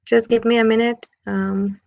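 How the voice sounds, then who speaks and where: Slow, gravelly-voiced woman teaching English. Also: a little high, flat delivery, no echo. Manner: switches between Spanish and English, slow over example sentences. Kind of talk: online grammar lesson. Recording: dull lo-fi sound.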